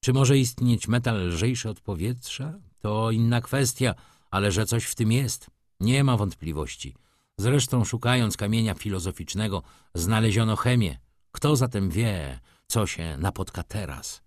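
A man's voice: fairly low pitch, lively intonation, a little slow, darkish tone, no room sound, clean studio sound, voice pushed up. A man reading an audiobook, voicing a bitter, brooding middle-aged merchant who speaks in a restrained, cool way. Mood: cold bitter.

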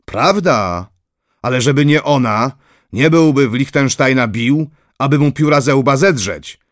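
A fatherly old prince from a storybook, kindly and gently teasing, speaking slowly and with measured calm, as a male narrator plays him. His voice sits at a middle pitch. The recording is close and dry. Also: no echo, natural voice. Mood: benevolent.

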